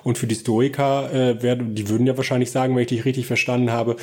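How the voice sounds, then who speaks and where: A man's voice: mid-range voice, flat delivery, fast talker, darkish tone. A man co-hosting a podcast, talking in a chatty, colloquial way that is full of filler sounds and tag questions. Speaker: podcast co-host. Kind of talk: casual discussion.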